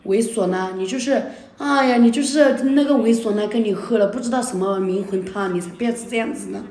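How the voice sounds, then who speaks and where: This woman's voice is on the high side and darkish, and she talks fairly quickly. She's livestreaming from a room at night, caught up in a heated argument, scolding indignantly and saying the same things over. The recording has a noticeable echo.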